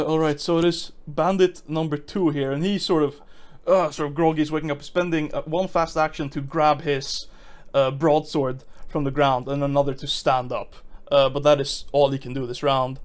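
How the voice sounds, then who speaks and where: A man acting as game master for a tabletop game, his voice sitting a little high. He explains rules in a loose, halting way, stumbling over restarts and breaking into chuckles. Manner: hesitant, many fillers and restarts, chuckling.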